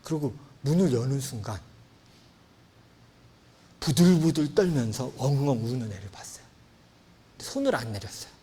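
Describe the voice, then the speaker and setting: A man's voice: medium pitch, expressive, normal speed, long pauses, slightly rough. A man in his thirties preaching a sermon as pastor, telling a personal story with emotion and acting out the dialogue. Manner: emotional storytelling, acts out dialogue, swings from loud to hushed.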